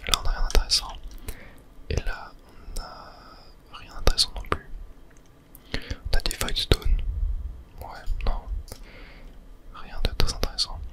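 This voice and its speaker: In a hushed ASMR whisper, a host of gaming videos talks through the game for viewers, reasoning aloud with tentative pauses.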